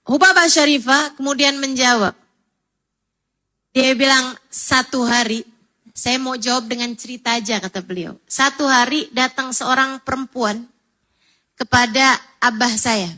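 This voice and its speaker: A woman's voice: high-pitched, low-quality recording. A woman preacher giving a sermon to a women's gathering, telling stories and acting out tearful prayers and quoted people. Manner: pleads loudly and slowly in emotional peaks. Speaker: female Islamic preacher.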